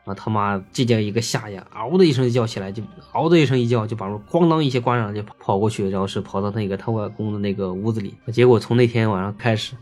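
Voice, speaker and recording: Male storyteller, quick chatty delivery, filler-laden casual ghost tale. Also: fairly low pitch, soft background music. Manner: chatty, filler-heavy, lively.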